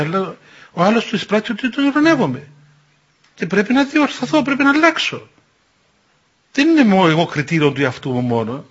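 An older man, an Orthodox elder and confessor, giving a spiritual talk that answers questions in a folksy, animated way and chuckling at his own stories. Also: high voice, breathy edge. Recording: dull lo-fi recording.

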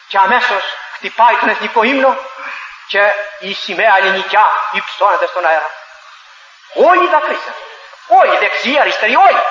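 A man preaching a fiery sermon, telling parables and rising to shouts. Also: very high voice. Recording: echoey hall, dull lo-fi.

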